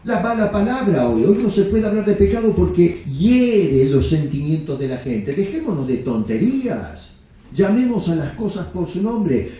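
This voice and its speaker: A man's voice: high voice, big pitch swings, moderate pace, mellow. Blunt preacher man in an echoey church. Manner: emphatic, blunt preaching with rhetorical questions. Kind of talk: sermon. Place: church sanctuary.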